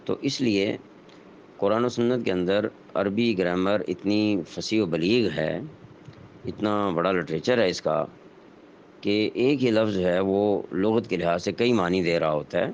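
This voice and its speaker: A man giving a religious lesson, explaining step by step in a measured way, pausing often with fillers. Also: low voice, a little mellow. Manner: measured explanatory delivery with frequent hesitation fillers. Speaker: Islamic teacher. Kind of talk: religious lecture. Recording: dull lo-fi sound with faint noise.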